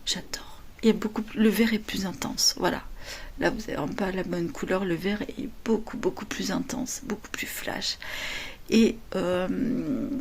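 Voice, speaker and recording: A middle-aged woman chatting casually to her viewers about knitting, speaking softly at home in a hushed half-whisper. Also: mid-range voice, steady tone, normal speed, gravelly. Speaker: knitting vlogger. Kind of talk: casual chat. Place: home, early morning.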